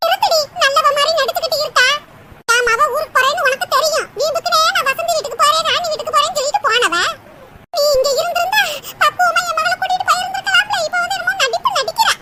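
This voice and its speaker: A very high, squeaky cartoon voice of a sharp-tongued village mother, as a performer puts her on, nagging in quick bursts. Loud hiss and noise sit under the voice. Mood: scolding. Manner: shrill, nagging, quick scolding. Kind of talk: cartoon voice acting.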